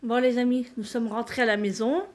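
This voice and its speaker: A French woman talks to her followers in a relaxed, chatty home vlog. Her voice sits a little high, and she keeps calling her viewers friends as she shows them around. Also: fairly quick. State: out of breath. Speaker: vlogger. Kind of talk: casual vlog chat to viewers.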